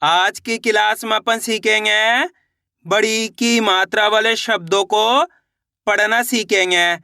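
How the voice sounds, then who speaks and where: A man with a high, bright voice gives a reading lesson in a dry, close recording. He talks patiently, repeats each step and draws out the vowel sounds. He greets his viewers as friends. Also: steady tone, slow, vocal fry, clean tone, dry recording. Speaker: Hindi reading teacher. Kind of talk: online classroom lesson.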